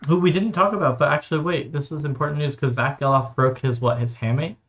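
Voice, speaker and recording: Gravelly-voiced man on a muffled podcast mic. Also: fairly high pitch, fairly bright tone. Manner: brisk run-through of names, chatty. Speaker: podcast co-host. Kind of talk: casual chat. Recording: slightly muffled lo-fi recording.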